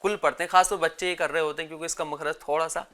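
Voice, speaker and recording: Bright, clear-voiced male Quran teacher. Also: on the high side, little pitch movement. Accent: Pakistani Urdu. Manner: slow drawn-out recitation, then quick explaining, calls on children to repeat. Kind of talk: children's Quran lesson.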